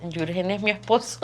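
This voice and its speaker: A woman gives an emotional personal testimony. She tells her story vividly, stacking phrase on phrase and repeating words for emphasis. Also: medium pitch. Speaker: testimony guest.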